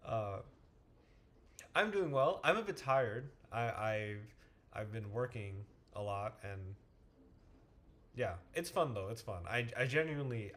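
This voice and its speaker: Brief: man streaming, thinking aloud, lots of restarts, pitch jumps around freely. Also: fairly bright tone. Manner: halting, frequent restarts and self-corrections; muttering to himself while waiting on the screen. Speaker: math tutor and streamer. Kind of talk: casual livestream talk, thinking aloud.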